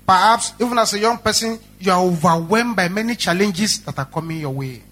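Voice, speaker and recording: High, bright-voiced Nigerian preacher. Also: male voice, fairly quick. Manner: animated storytelling with repetition. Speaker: pastor. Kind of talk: sermon.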